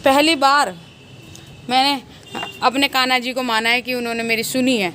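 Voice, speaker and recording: A woman's voice: sits high, little pitch movement, moderate pace, pushed and bright, slight background noise. A woman vlogging to her viewers outdoors, gloating and laughing often as she talks. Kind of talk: casual vlog monologue. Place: outdoors, open weather around.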